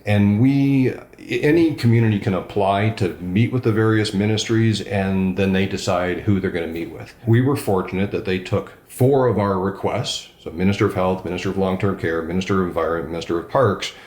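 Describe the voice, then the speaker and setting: Speaking a little fast with few pauses, this regional councillor answers interview questions in a low voice full of emphatic enthusiasm; he says himself that his voice is loud. The sound is reverberant.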